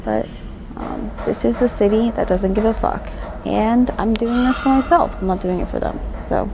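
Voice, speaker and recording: A woman's voice: on the high side, moderate pace, creaky. A young adult woman chatting casually to camera in a rambling, self-deprecating, informal vlogger style. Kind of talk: casual vlog chat to camera. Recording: noisy handheld vlog with background ambience.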